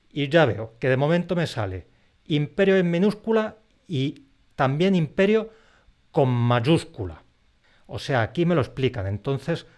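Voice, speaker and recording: A man walks through a language lesson in a patient teacherly way, slowing down to spell out example words. His voice sits somewhat high for a man. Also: a little mellow. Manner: clear teacherly explanation, slows down to stress example words. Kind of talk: explanatory online lesson.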